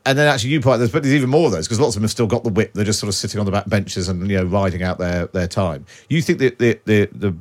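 A man hosting a political radio podcast in a brisk, jokey, chatty way. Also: lowish voice. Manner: brisk, jokey, laughs often. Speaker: radio presenter.

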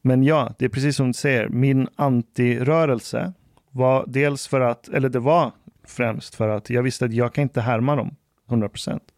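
A man co-hosting a podcast, telling childhood stories in a slow, reflective way. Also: mid-range voice, fairly even intonation, darkish tone, no echo, studio quality. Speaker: podcast co-host. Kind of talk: casual chat.

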